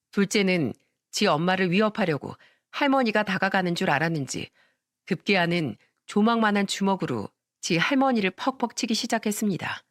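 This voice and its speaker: First-person story narration, steady conversational delivery, mid-pitch, dry close recording. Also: no echo. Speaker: storyteller reading a listener's story.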